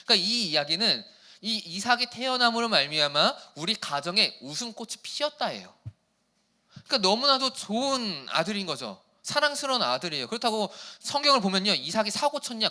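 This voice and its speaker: Young male youth pastor, high and bright, chatty and playful with teens. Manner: playful, chatty, asks the kids questions. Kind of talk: casual sermon to teenagers.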